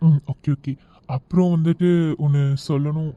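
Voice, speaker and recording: A calm, gently teasing young man, played by a woman speaks quietly and kindly in this amateur audio drama. His voice is low and mellow. The recording is dry and somewhat lo-fi. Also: normal speed, no echo, natural voice. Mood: gentle. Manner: gentle, soft-spoken, playfully teasing.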